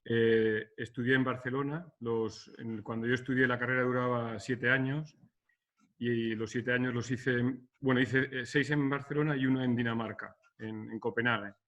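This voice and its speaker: This architect guest is a Basque man in his fifties from Spain, interviewed by video call and speaking hesitantly with many restarts. He talks at a normal speed in a steady, medium-pitched, slightly bright voice, captured in dull lo-fi call audio.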